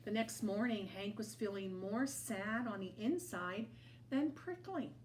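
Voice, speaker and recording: Woman reading a storybook slowly, very animated. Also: medium pitch, slight background noise, poor audio. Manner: slow, animated read-aloud. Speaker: children's story reader. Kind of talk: expressive storybook narration for toddlers.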